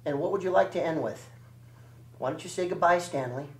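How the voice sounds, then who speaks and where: Quick-talking ventriloquist man. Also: on the high side, reverberant, far from the mic. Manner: patient, mildly scolding straight man. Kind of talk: comedy ventriloquist act, straight man.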